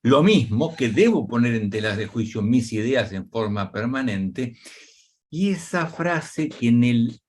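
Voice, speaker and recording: A man with an Argentine Spanish accent explaining ideas in a webinar talk over a video call, pausing with fillers. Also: mid-range voice, slight background noise. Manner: lively, animated delivery with pauses and fillers. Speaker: webinar speaker on community dialogue.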